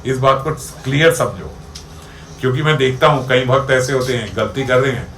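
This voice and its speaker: A man's voice: mid-range voice, normal speed, fairly bright tone, a little hiss or hum. A man as a spiritual teacher giving a devotional discourse, explaining through everyday examples and checking that listeners follow. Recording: echoey room with faint ambience.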